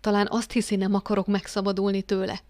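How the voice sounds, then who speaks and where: A woman voicing a haunted, guilt-ridden father confessing in a flat, hollow tone that breaks into agitation. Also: medium pitch, dry recording, close to an everyday voice. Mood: defensive.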